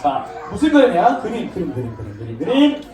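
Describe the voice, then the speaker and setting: A woman's voice: on the low side, fast, crowd noise, noisy background. A woman giving a children's sermon in church, asking the children questions and acting out the story playfully. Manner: animated, asks children questions, acts out lines playfully. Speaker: children's Sunday school teacher. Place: church classroom. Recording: distant mic in an echoey room.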